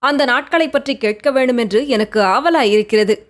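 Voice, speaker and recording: A woman's voice: a little high, moderate pace, close to an everyday voice. A woman reading a tender young prince. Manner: gentle, pleading, questioning. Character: young prince, tender, coaxing, devoted lover. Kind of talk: audiobook character reading.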